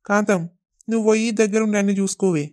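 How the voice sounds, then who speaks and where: A woman's voice: medium pitch, steady tone, quick pace, darkish tone, dry recording, clean studio sound, close to an everyday voice. A woman playing a chatty Telangana village gossip. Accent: Telangana Telugu.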